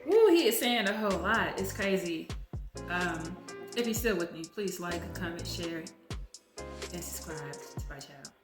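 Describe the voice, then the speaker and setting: A woman hosting her channel, reacting to a clip in a chatty, expressive way. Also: fairly low pitch, a little slow. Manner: chatty, expressive, gives little "mm-hmm" prompts. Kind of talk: casual reaction commentary. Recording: echoey room with music behind.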